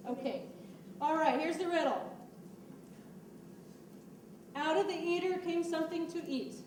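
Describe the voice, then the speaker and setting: A woman with a high voice narrates a story while coaxing children through their lines in a church skit. She is heard from a distance in an echoey church room. Steady background noise runs under her voice. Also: unhurried. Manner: patient, coaxing instructions mixed with storytelling. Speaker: children's ministry leader directing a Bible skit. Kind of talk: narrating and stage-directing a children's play.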